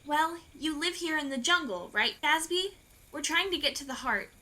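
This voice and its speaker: A woman's voice: high-pitched, animated, normal speed, sharp tone. A woman voicing a polite, sensible young animal friend who speaks courteously.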